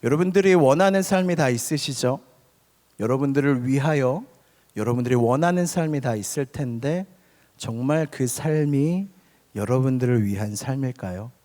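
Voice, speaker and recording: A young man preaching a sermon, talking to his listeners directly, at times loud and at times dropping to a near-whisper. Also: medium pitch, moderate pace. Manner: conversational, often addresses listeners directly; swings between loud emphasis and soft near-whispers. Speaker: pastor. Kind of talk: youth sermon. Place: church sanctuary. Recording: long hall reverb.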